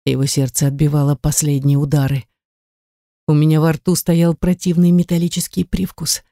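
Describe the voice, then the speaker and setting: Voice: mid-range voice, flat delivery, normal speed, dark tone, dry recording, clean studio sound. An audiobook narrator reading a first-person story with dramatic, emotive delivery. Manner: dramatic, emotive, rises to cries in quoted lines.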